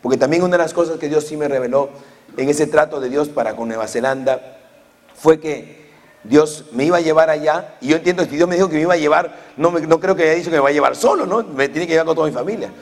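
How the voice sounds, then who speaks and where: A man's voice: on the high side, fast. A man in his forties preaching a fervent sermon as pastor, punctuating his points with amen and hallelujah. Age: 40s. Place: church hall. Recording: long reverb of a church hall.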